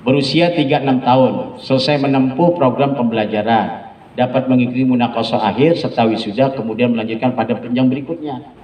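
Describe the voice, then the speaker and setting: A man's voice: medium pitch, steady tone, brisk, darkish tone. Man lecturing in an echoey room. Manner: joking, often asks listeners "ya kan?". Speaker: Islamic teacher trainer. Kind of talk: lecture to Quran teachers. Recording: echoey room, distant dull mic.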